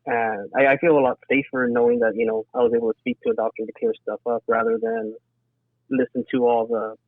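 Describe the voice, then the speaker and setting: Appearing as a podcast interview guest, an emergency dispatcher from south Texas casually recounts his personal experiences. He speaks fairly quickly in a level, mid-range voice, with no echo, over a thin phone-like line with band-limited sound.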